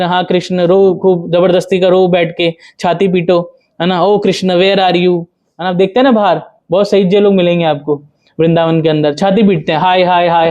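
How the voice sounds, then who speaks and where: A man giving a devotional lecture, asking rhetorical questions and chanting verses slowly. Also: sits high, a little mellow. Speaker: spiritual teacher.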